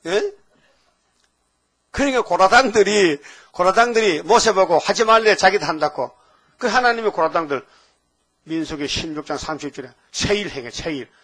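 An older male pastor delivers a sermon in a somewhat raised voice. He keeps firing rhetorical questions at his listeners and swings between low mutters and sudden loud, emphatic bursts. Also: expressive, moderate pace.

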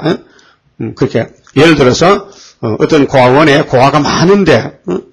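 Man, preacher, sermon, rhetorical questions, gravelly, husky. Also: mid-range voice, rough recording. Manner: rhetorical questions to the congregation, frequent fillers.

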